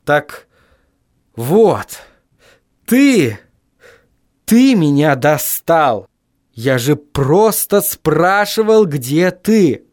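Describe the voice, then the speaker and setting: A man voicing an exasperated young man yelling down the phone in an audiobook reading. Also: on the high side, big pitch swings, very slow, pauses often, dry recording, clean studio sound, exaggerated voice.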